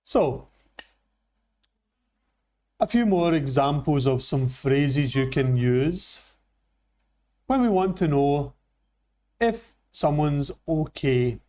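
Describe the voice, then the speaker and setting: A man from Scotland with a Scottish accent, teaching an English lesson with slow, careful delivery. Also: fairly high pitch, expressive, warm tone. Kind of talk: classroom lesson.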